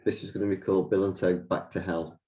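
A man's voice: low-pitched, little pitch movement, fast talker, lo-fi sound. A man co-hosting a casual film podcast with his child, explaining and recapping plots in an easygoing way. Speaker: podcast co-host, father. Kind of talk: casual chat.

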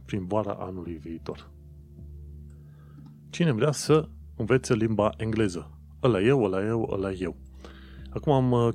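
Low-voiced man chatting casually. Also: a little mellow. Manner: informal, many fillers and restarts. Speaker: vlogger.

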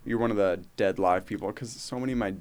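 A man's voice: fairly low pitch, quick pace, darkish tone. A young man hosting a casual podcast, joking and playful, with lots of "like.". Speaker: podcast host.

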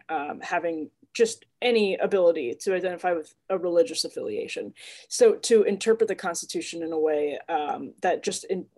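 Woman podcast cohost, kinda low voice, casual chat, keeps restarting phrases. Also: darkish tone. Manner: thoughtful, restarts phrases often. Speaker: podcast co-host. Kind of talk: casual panel talk.

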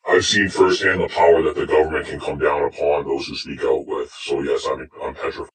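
A man's voice: flat delivery, brisk, reverberant. A man calling into a live stream through an electronic voice disguiser, giving short, grave answers. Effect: electronic voice disguiser, pitched very deep. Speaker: anonymous caller on a live stream. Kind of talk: live call-in interview.

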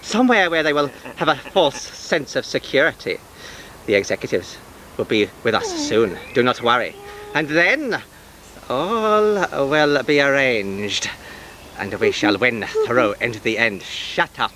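A man's voice: mid-range voice, animated, unhurried, bright, forceful tone, slight background noise. A man playing a scornful scheming villain. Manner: impatient and scornful, snapping at his sidekick. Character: scheming male villain leader, contemptuous. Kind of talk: amateur home-made drama.

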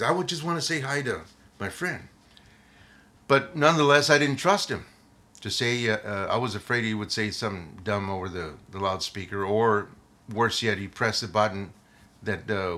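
Older retired cop guy rambling through a funny story, bright voice, repeats himself a lot. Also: lowish voice, normal speed. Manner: animated, repeats words while telling a story. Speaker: retired police officer, guest. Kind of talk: casual storytelling.

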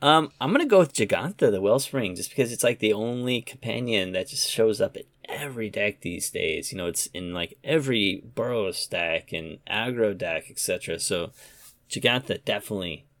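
Gravelly low-voiced man, dry sound. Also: animated, moderate pace, fairly bright tone, no echo. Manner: hesitant, lots of ums and trailing off. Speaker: podcast co-host. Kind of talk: casual chat.

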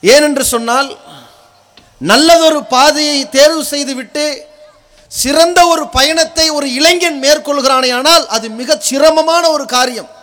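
High-pitched man preaching in thunderous oratory. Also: unhurried. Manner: forceful, declamatory, rhetorical build-up in short phrases.

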